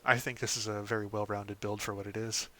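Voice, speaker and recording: A man hosting a casual game guide, talking through a character build in a relaxed way, with frequent "um"s and "of course"s. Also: on the low side, brisk. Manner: relaxed, lots of ums and "of course". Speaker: gaming channel host.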